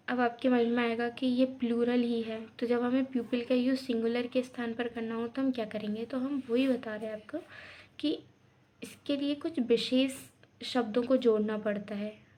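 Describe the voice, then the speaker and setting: A woman's voice: a little high, dark tone. A young woman teaching an English grammar lesson, explaining step by step and often checking in with her students.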